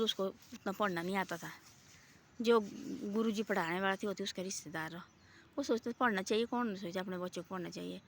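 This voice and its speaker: A woman at an ordinary middle pitch tells a folksy moral tale. Her voice has a gravelly, creaky edge. She rambles and repeats herself like someone chatting at home rather than reading a script. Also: fairly bright tone. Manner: rambling and repetitive, folksy asides. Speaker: storyteller. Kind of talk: casual spoken moral story.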